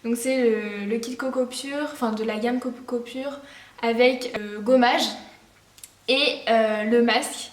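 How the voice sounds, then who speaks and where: A teenage girl vlogs about her presents in an excited, rambling way, full of fillers and false starts. Her voice sits a touch high. The room is echoey and she is some distance from the microphone. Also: slow. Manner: bubbly, rambling, many fillers and restarts. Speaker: vlogger. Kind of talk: casual gift haul vlog.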